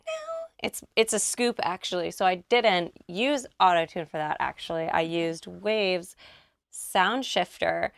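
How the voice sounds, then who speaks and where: A woman's voice: fairly low pitch, unhurried, gravelly, smooth, no room sound. A woman vocal producer walking through her track in a recording studio, chatty and gushing with slang. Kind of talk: casual studio walkthrough.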